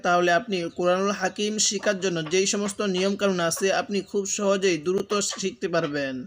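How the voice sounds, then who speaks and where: A high-pitched man with a Bangladeshi Bengali accent teaches Quran reading one syllable at a time. He explains each letter plainly, then chants the sounds in long, slow, drawn-out tones. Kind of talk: spelling-out recitation lesson.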